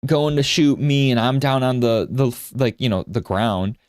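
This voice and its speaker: A man's voice: mid-range voice, moderate pace, darkish tone, clear, resonant tone, dry recording, clean studio sound. A man in his thirties giving a casual live art lesson while drawing, rambling into anecdotes and often checking in with "right?". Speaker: art streamer and instructor.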